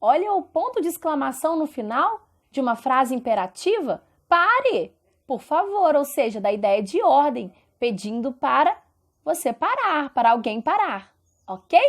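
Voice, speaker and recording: A woman teacher with a Brazilian Portuguese accent gives a recorded lesson. Her voice sits high and moves up and down a great deal. She explains patiently and keeps asking rhetorical questions. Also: sing-song, moderate pace.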